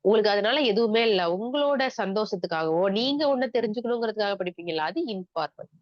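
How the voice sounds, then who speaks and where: A woman's voice: mid-range voice, expressive, quick pace, no echo. A woman with a Tamil accent teaching an exam-prep class, explaining step by step and asking the class questions. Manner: mixes English terms into Tamil speech. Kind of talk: online exam-prep lecture. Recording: dry, muffled lo-fi recording.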